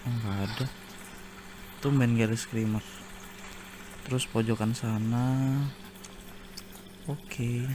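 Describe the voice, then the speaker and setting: A man's voice: mid-range voice, flat delivery, takes it slowly, pauses often, background noise. A man giving casual commentary while he plays a zombie survival game, chatting to viewers and exclaiming at jump scares. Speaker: gaming YouTuber.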